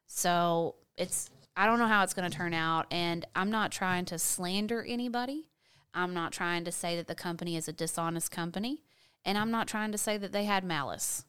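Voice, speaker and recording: A woman's voice: on the low side, moderate pace, fairly bright tone, clean tone. A woman chatting casually to viewers like a video blogger telling a story, gossipy and candid, stressing points by repeating words.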